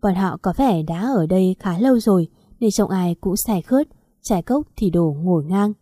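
A woman reading a first-person story aloud in a steady, even storytelling manner. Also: medium pitch, moderate pace, no echo, studio quality. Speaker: story narrator.

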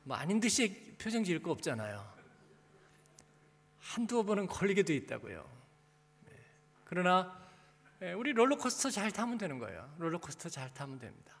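A very animated man with a voice that sits high preaches at normal speed, pausing often. As a pastor he keeps things conversational, posing rhetorical questions and short prompts to his audience. The large church hall makes the recording echoey with long reverb.

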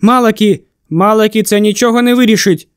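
A man's voice: high voice, steady tone, smooth, no echo, studio quality, close to an everyday voice. A man voicing a stern, incredulous constable. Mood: pleading. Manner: slow, pointed questioning. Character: stern, incredulous small-town constable, male.

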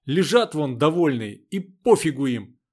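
A man reading the part of a fierce young woman who shouts and swears through tears. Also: a little high, big pitch swings, a little slow. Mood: exasperated. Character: fierce tough young woman, crying and cursing.

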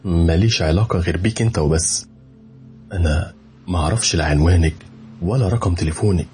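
A man's voice: low-pitched, fast talker, darkish tone, heavy reverb, long reverb tail, soft background music, lightly acted. A man voicing a possessive, menacing female spirit in a spoken horror story, speaking with an Egyptian Arabic accent. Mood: coaxing.

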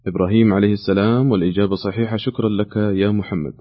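A man's voice: fairly low pitch, fairly even intonation, racing, highs cut off. A man hosting a call-in quiz, reading questions aloud and patiently repeating the options. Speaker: quiz show host.

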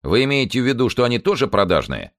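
A man's voice: mid-range voice, very animated, fast, pitched above the performer's own voice. A man voicing a bewildered, put-upon male ambulance driver. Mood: puzzled. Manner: bewildered, complaining.

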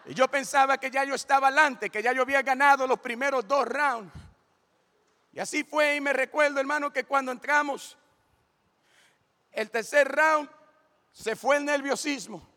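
A man giving a lively testimony sermon, telling his story with animation and often calling the listeners brother. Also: very high-pitched, normal speed, pauses often. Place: church. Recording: long church reverb.

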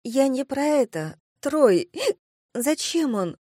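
A woman voicing a timid, naive young female student who sounds high, anxious and pleading. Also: sing-song, takes it slowly, mellow, husky, dry recording, clean studio sound, full character voice.

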